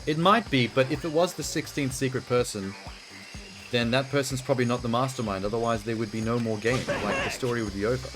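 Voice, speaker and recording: A man's voice: mid-range voice, fairly quick. Man doing blunt game commentary over music. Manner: reacts exasperatedly, blunt asides. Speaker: host of a video game playthrough. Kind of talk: casual game commentary with read-aloud text. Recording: music behind the voice.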